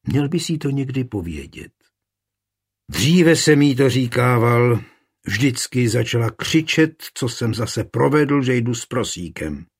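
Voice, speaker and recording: An irritable, defensive husband, voiced by a male reader, gruff and sharp when crossed. His husky tone stays close to the reader's own, as in a told story. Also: mid-range voice, very animated.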